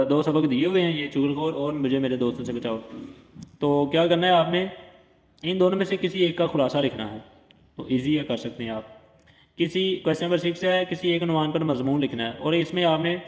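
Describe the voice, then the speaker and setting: A man's voice: a little high, a little mellow, roomy sound, long reverb tail. A man teaches an exam prep lesson, going over questions step by step and repeating points to reassure students.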